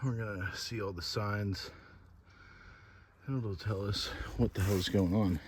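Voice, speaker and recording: A man's voice: fairly low pitch, steady tone, a little slow. A man rambling casually and cursing freely while he films a hike up a wooded hill trail. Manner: loose, profane, chatty. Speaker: vlogger. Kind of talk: casual rambling hiking vlog. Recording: clear outdoor background noise.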